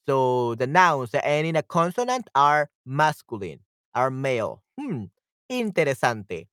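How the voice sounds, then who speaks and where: Lively, unhurried man teaching Spanish. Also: mid-range voice, no room sound, studio quality. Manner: upbeat, reacts to viewers' comments by name; explains in Spanish, then repeats in English. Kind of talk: live online grammar lesson.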